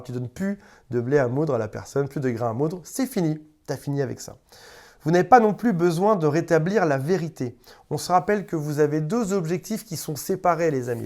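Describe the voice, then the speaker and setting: A man's voice: fairly high pitch, a little mellow. Man coaching viewers in casual talk. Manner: conversational, repeats words, briefly acts out quoted exchanges; addresses the viewer directly and informally. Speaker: relationship coach. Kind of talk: direct-to-camera coaching advice.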